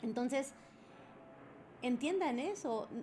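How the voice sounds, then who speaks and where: A woman speaking, her voice sitting a little high yet soft and warm at the edges. She talks a group through their questions like a spiritual coach, earnest and coaxing, with a loose conversational flow. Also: expressive, takes it slowly, a little hiss or hum. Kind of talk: live Q&A talk to a group.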